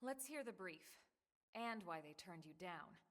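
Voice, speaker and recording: A woman voicing a calm, composed female squad leader in a video game, with a cool, level and wry delivery. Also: lowish voice, a little slow.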